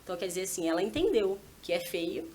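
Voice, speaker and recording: A rapid, chatty woman shares a heartfelt anecdote about parenting. She slips into the voices of herself and her child as she talks. Her speech is quick, and faint room noise sits in the background. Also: on the low side. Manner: animated, acts out dialogue with her child. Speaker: guest, mother of a small daughter. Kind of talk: casual storytelling testimony. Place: church podcast setting.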